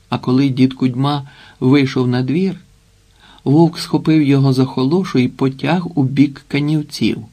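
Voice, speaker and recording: A man's voice: medium pitch, warm tone, breathy edge. A man narrating an adventure audiobook.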